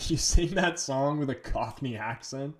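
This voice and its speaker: A chatty Englishman from England streams a match, offering casual live commentary and chat, reading viewer comments aloud and swearing casually as he goes. He's a livestream host with a mid-range, unhurried voice.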